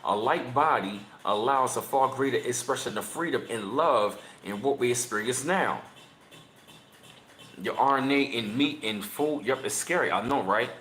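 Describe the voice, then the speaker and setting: A man in his thirties hosting a casual livestream, chatting with viewers in slangy talk and reading passages aloud, his voice jumping high whenever he gets emphatic. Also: normal speed, roomy sound, slight background noise. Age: 30s. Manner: excitable, voice jumps high when emphatic, slangy. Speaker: channel host.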